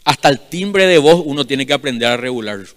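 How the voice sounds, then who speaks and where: Male pastor, forceful sermon delivery with sharp swings in volume, reverberant hall. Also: medium pitch, animated, brisk. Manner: loud, emphatic preaching with sudden swells and drops.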